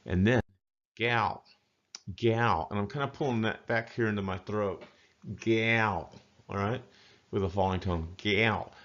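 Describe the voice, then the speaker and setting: Guy with a really deep voice teaching a lesson, folksy and chatty, kinda muffled lo-fi sound. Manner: chatty and folksy, repeats words slowly to model pronunciation. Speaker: language teacher. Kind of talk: casual spoken language lesson.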